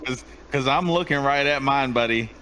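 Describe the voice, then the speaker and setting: A man's voice: mid-range voice, normal speed, crowd noise. A man co-hosting a casual podcast, teasing and bantering playfully. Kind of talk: casual chat. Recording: clear background noise.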